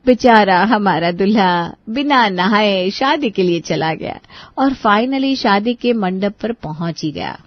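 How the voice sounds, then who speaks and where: A woman narrating a cartoon story in a calm, even way. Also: mid-range voice, slow pace, no echo, lo-fi sound.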